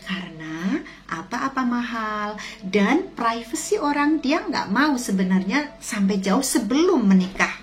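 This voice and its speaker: A woman's voice: a little high, animated, measured pace. A middle-aged woman from Indonesia telling chatty stories to camera with many fillers and asides to her viewers. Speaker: lecturer sharing stories about Japan. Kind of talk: casual storytelling to camera. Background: faint music.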